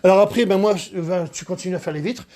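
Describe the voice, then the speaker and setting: A man who details cars, chatting casually while he works, excitable, boastful and rambling, with a husky voice. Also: high-pitched, fast talker. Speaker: car detailer. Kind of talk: casual chat while working.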